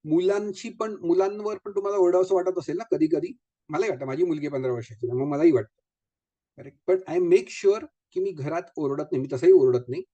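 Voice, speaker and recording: A man's voice: fairly high pitch, dark tone, dull audio. A man, a vastu consultant giving a live talk to an audience. He speaks in a chatty way, drops English phrases into his speech and keeps asking rhetorical questions.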